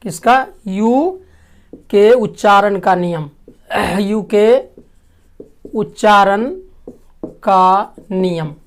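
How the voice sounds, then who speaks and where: A woman teaching a language lesson, asking questions and answering them herself, clearing her throat often. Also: mid-range voice, extremely slow, pauses often. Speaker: English teacher. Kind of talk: classroom lesson.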